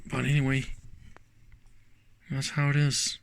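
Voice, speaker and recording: A man hosts an electronics teardown channel, working hands-on and thinking aloud as he examines things, his sentences halting and pieced together. His voice is mid-range, monotone and creaky.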